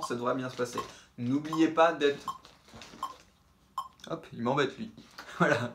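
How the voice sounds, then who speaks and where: Trombone teacher with a roomy echo. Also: male voice, medium pitch, a little hiss or hum. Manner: demonstrates articulation syllables aloud, relaxed and explanatory. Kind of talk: instructional video lesson.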